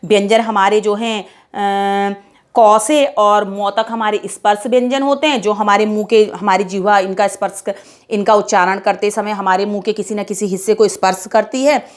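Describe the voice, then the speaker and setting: A woman teaching a children's alphabet lesson, reciting letters slowly and repeating her own questions and answers for the pupils. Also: mid-range voice, fairly even intonation.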